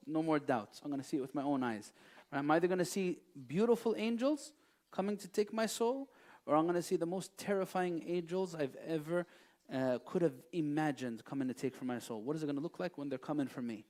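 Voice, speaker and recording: Animated high-voiced man preaching. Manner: animated, swings between quiet and loud, recites verses quickly. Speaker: imam giving a religious talk. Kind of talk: sermon.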